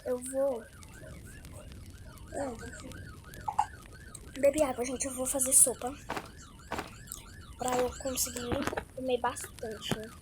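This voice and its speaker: Jittery young woman narrating her game, high voice, lots of loud noise behind. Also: level tone, takes it slowly, long pauses. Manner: anxious, exclaims often, talks to viewers. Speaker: gaming streamer. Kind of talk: live game commentary.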